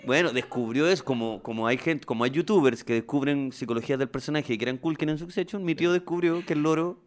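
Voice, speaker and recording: Chilean podcast co-host, young man, fast and slangy, easy laugh. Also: on the high side, soft background music. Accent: Chilean Spanish. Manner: laughs often, slangy and quick. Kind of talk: casual chat.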